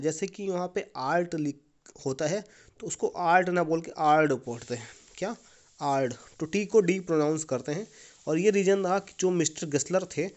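In a classroom lesson video, a school English teacher with an Indian accent patiently explains a lesson to his students, repeating key points. His voice is on the high side and a little mellow.

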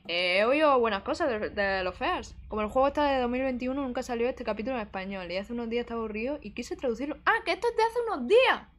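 A woman's voice: a little high, quick pace, hardly any pauses. A young woman with a Spain Spanish accent, casually commenting on a horror game and reading its messages aloud in a chatty, jumpy, joking way. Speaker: gaming streamer. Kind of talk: casual let's play commentary.

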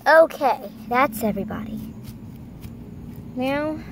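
A woman's voice: sits high, animated, slow, a little hiss or hum. A woman musing aloud as she improvises a toy horse role-play, recorded outdoors on a handheld camera.

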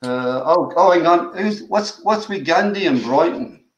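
An older man talks football in a loose, chatty way. He often restarts his sentences and cheers the team on. His voice sits a little high, and it comes through an echoey call line. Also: animated, unhurried, lo-fi sound. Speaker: grandfather co-watching the match. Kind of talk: casual live football reaction chat.

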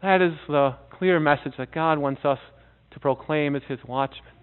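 A middle-aged male pastor preaching a sermon in a church, earnest, with dramatic pauses and soft drops. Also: on the high side, clean tone. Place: church sanctuary before a seated congregation. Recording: tinny phone-like audio.

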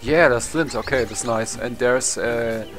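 With a medium-pitched, fairly bright voice, a young non-native English speaker with a German accent takes his time as he casually narrates his gameplay. He rambles, curses and chuckles at himself in this let's play commentary, with game music in the background.

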